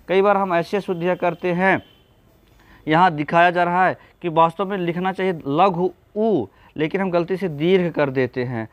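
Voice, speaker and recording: A man's voice: a little high, dry recording. A man teaching an exam-prep spelling lesson, patiently going through correct and incorrect word forms and addressing viewers as friends.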